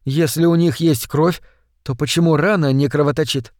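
Man doing a jumpy young female scientist, audiobook, pitched well up, dry close sound. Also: steady tone, moderate pace, darkish tone, no room sound, close to an everyday voice. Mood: puzzled. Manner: high startled exclamations. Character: young woman scientist, excitable and easily alarmed.

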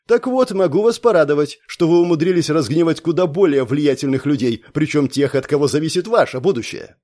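A man voicing a domineering middle-aged police colonel who talks forcefully and browbeats. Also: a little high, expressive, brisk, lightly acted. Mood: browbeating.

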